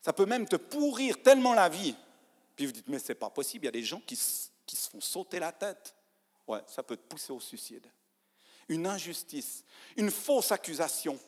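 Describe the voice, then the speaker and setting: Man preaching in a church, goes from hushed to loud, bit higher voice, echoey hall. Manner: animated, acts out inner voices, swings from hushed to loud. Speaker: pastor. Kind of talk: sermon.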